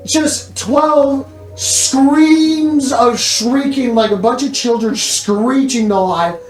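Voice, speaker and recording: A game master improvising tabletop game narration in a halting but animated storytelling manner. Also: high-pitched. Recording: echoey room with faint music.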